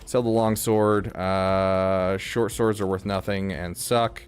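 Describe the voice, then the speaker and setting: A man's voice: sits low, fairly even intonation, slow pace, soft background music. A man streaming a video game, chatting casually and rambling with lots of fillers. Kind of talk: casual gaming stream chat.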